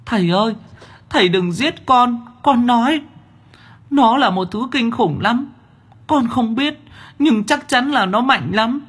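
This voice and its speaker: A man voicing a frightened child demon spirit that begs for mercy in a high, thin, wailing voice, in an audiobook. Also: lively intonation, slow, fairly bright tone, slightly rough, full character voice. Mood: pleading.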